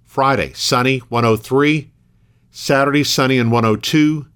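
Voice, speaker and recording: A man hosting a local radio news program, reading scripted items in a measured, matter-of-fact way. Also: medium pitch, fairly bright tone, clean tone.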